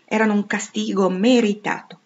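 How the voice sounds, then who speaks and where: A woman reading a classic novel aloud in calm, measured literary narration. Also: mid-range voice, muffled recording. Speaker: audiobook reader.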